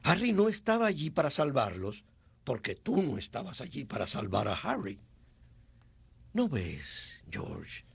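A raspy old guardian angel. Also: male voice, mid-range voice, huge pitch swings, a little slow, no room sound, heavily acted. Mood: sorrowful. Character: gentle elderly male guardian angel, patient. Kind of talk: dubbed classic film dialogue.

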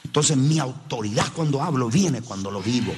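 A man's voice: medium pitch, lively intonation, normal speed, background noise. A man preaching a sermon, speaking emphatically and addressing the congregation directly. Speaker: pastor.

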